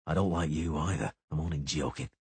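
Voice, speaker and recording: A man voicing a grim, weary male monster hunter who speaks curtly in dry understatement, with a husky voice. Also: fairly quick, a little mellow, no room sound, heavily acted. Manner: curt, low, dry understatement.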